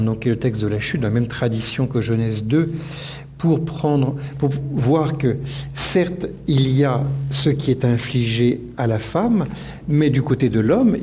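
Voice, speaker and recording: A man's voice: mid-range voice, warm tone, slight background noise. A man speaking on an academic panel, answering questions reflectively and thinking aloud with restarts.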